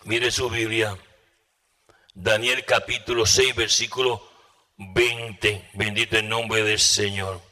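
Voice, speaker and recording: Male pastor, sermon, very bright tone, unhurried delivery, echoing church hall. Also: on the low side, flat delivery. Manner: rising and falling preaching cadence, rhetorical questions to the audience.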